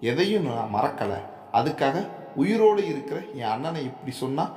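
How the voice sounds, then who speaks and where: A man's voice: fairly high pitch, sing-song, moderate pace, a little mellow, faint music behind, pitched above the performer's own voice. A man voicing an anxious, defensive middle-aged mother for a serialized audio story, in a pleading, strained way. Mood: indignant. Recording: echoey room with long reverb.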